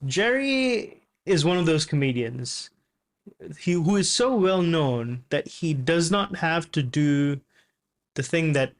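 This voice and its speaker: A man giving casual reaction commentary on a comedy clip, relaxed and chatty, laughing often. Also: on the high side, slow.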